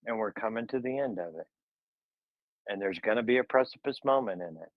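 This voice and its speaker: A man's voice: lowish voice, fairly quick, no echo, lo-fi sound. A man retelling a scripture story in a fervent, preaching style, full of dramatic repetition.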